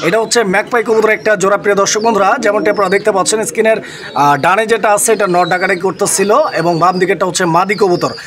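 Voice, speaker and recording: A man's voice: sits high, fairly even intonation, racing, fairly bright tone, slight background noise. A man presenting pigeons for sale to his viewers at a farm, addressing them directly and bargaining over prices with the seller. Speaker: vlogger touring a pigeon farm. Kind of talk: casual on-site product presentation.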